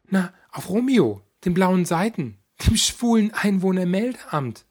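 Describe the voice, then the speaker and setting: A man's voice: sits high, big pitch swings, a little slow, a little mellow, breathy edge, pitched above the performer's own voice, exaggerated voice. A man reading aloud voices a nosy middle-aged mother who talks about shocking things in a chatty, matter-of-fact way. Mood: prying.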